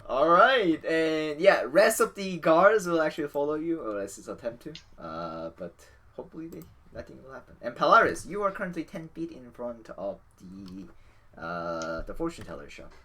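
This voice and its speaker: Male game master, lively intonation, halting improvised narration, conversational tabletop delivery. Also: on the high side.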